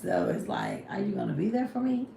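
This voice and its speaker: A woman's voice: medium pitch, huge pitch swings, a little fast, vocal fry, warm tone. A woman, hosting a casual livestream. She reads viewers' comments and answers them directly, and she often says "you know what I'm saying.". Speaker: livestream host. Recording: echoey room, faint background hiss.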